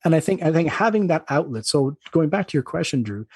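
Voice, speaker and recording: A middle-aged man with an Irish accent and a slightly husky voice, speaking quickly and anecdotally as a doctor being interviewed. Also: fairly high pitch, lively intonation, darkish tone, no echo, clean studio sound. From Ireland. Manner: fast-talking, anecdotal. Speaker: doctor, podcast guest. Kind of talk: conversational interview.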